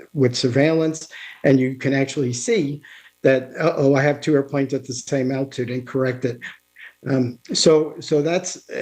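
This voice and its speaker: A man giving an informal technical talk over a remote call, halting, with many restarts and fillers. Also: fairly high pitch, dark tone. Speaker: guest speaker on aviation technology. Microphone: remote video call.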